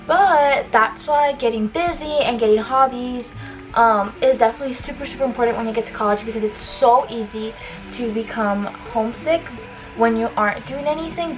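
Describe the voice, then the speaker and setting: Young woman chatting casually, slightly high voice, music behind. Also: low-quality recording. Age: young adult. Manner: chatty, informal, frequent "like" and trailing asides. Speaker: beauty vlogger giving college advice. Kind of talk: casual get-ready-with-me chit chat while doing makeup.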